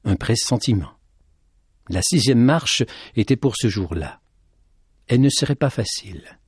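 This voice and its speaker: A man narrating a storybook aloud in a slow, expressive, soft reading voice. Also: medium pitch, husky, dry recording, clean studio sound.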